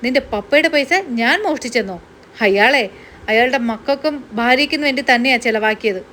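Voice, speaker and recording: A woman putting on a shrill, accusing aunt. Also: a little fast, fairly bright tone, a little hiss or hum, natural voice. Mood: furious. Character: bitter middle-aged woman guarding her sick sister.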